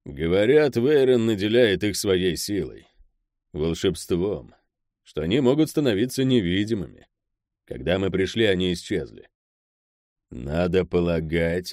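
A man voicing a blunt, gruff male thug who speaks slowly and grumbles. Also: low-pitched, a little mellow, no echo, clean studio sound.

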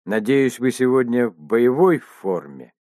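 A man voicing an excited, fawning heavyset male TV producer in an audiobook, speaking eagerly in a raised voice. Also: medium pitch, measured pace, no echo, studio quality, pitched above the performer's own voice. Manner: eager, gushing.

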